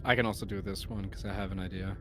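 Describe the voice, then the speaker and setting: A man's voice: low-pitched, fairly even intonation, fast, music in the background. A man chatting casually as a guest voice actor on a game livestream.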